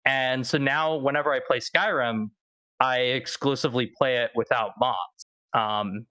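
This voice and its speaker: Young male podcast guest, bright voice, rambling casual chat. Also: mid-range voice, low-quality recording. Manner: chatty, rambling, with fillers and laughs.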